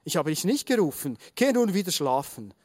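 A preacher voicing an old, nearly blind priest who sounds tired and dismissive. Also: male voice, sits high, big pitch swings, a little fast, darkish tone, no room sound, clean studio sound. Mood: calm. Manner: tired, brushing off.

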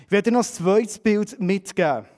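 A middle-aged man with a Swiss German accent preaching a sermon, telling stories animatedly and swinging between loud and hushed. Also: high-pitched, normal speed.

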